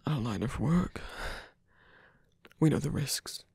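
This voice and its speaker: An ASMR voice actor plays a guarded, lovestruck villain in an intimate romantic roleplay, his exaggerated delivery halting and hesitant with pauses, tender yet wary. His mid-range, darkish voice is very breathy with lively intonation and often sinks to a whisper, recorded dry and close in studio quality.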